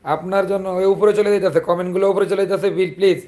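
A man with a rather high voice and a Chandpur Bengali accent hosts a relaxed live chat. He greets viewers one by one and keeps asking them to comment. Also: very fast. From Bangladesh, Chandpur. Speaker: livestream host.

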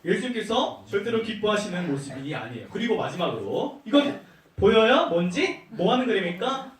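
A man teaching a Sunday school lesson to small children, animated and asking them questions playfully. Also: high-pitched, a little fast, crowd noise. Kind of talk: children's sermon. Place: church children's room. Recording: echoey room from far off.

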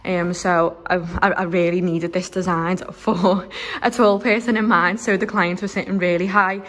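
A young woman from Liverpool, a nail salon owner, chatting excitedly with lots of fillers as she films a walkthrough of her salon under renovation on her phone. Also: lowish voice, normal speed. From Liverpool, England. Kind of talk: walkthrough vlog.

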